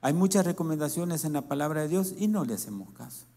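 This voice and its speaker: A man preaching a sermon in Latin American Spanish, reading scripture and speaking in a slow, halting way with restarts. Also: on the high side, animated, creaky, dark tone.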